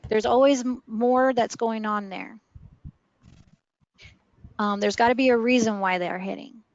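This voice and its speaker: On dull, dry, lo-fi audio, a woman with a voice on the high side speaks unhurriedly with fairly even intonation. As an early learning trainer running an online session, she coaches preschool teachers using friendly classroom examples.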